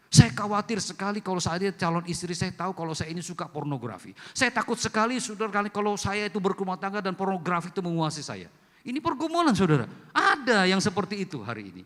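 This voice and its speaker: Guy pastor preaching, high-ish lively voice, lots of quoted bits, echoey hall. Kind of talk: sermon. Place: church hall. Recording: long hall reverb.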